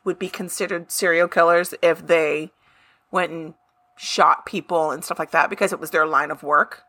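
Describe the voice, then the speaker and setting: A woman co-hosting a podcast, chatting casually with some halting restarts. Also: on the low side, fairly even intonation, a bit bright. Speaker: podcast co-host. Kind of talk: casual chat.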